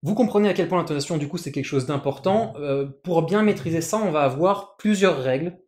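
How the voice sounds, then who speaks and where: Language teacher going over pitch accent step by step, patient, lots of little restarts, roomy echo. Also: a little fast, darkish tone. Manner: patient, repeats words and restarts phrases. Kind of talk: explanatory lesson with written examples.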